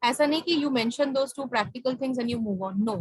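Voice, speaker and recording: An IELTS speaking tutor with an Indian accent teaches over a video call, blending Hindi and English and frequently checking that her student follows. Her voice is a little high and breathy, and she speaks slowly. The recording is rough, with no echo.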